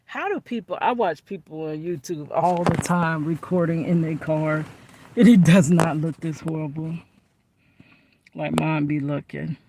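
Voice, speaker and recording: A woman's voice: deep voice, unhurried, warm tone, slight background noise. A woman chatting animatedly to camera from inside her car, telling a story with lots of asides. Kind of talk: casual storytime.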